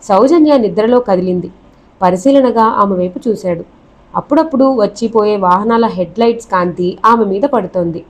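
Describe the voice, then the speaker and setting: A woman narrating a novel aloud with expressive storytelling. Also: mid-range voice, normal speed, poor audio.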